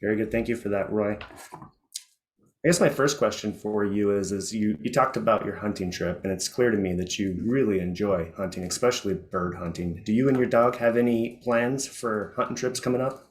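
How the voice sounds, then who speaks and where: A man's voice: fairly low pitch, normal speed. A man acting as a contest interviewer, asking questions and responding in a conversational way.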